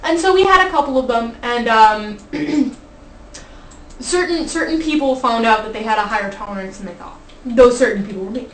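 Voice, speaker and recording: At normal speed, a young woman with a high, fairly bright voice tells an informal comic anecdote to a live group. She rambles and giggles, often breaking off for asides. The mic is far from her, and the room is very echoey.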